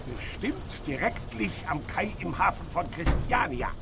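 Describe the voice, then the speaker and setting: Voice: mid-range voice, sing-song, a little slow, over loud music. Sprecher für vorsichtigen alten Troll-Opa im Hörspiel, schwankende Melodie. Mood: fussing. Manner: wavering, odd invented grammar. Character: old male troll grandpa, long beard, cautious.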